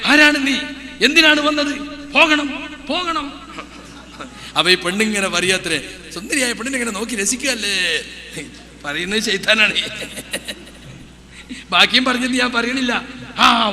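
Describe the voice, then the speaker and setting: A man's voice: sits high, sharp tone. A man preaching polemically, mocking his rivals with rhetorical questions. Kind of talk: polemical religious speech. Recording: reverberant hall.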